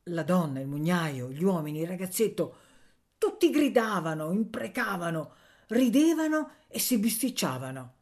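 A woman reading a literary novel aloud in a steady, expressive narration. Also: lowish voice, normal speed. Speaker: audiobook reader.

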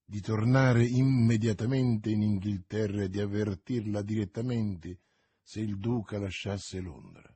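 A man voicing a cold, scheming noble lady who speaks low and hushed with a husky tone. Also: fairly even intonation, a little slow, no room sound. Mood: conspiratorial.

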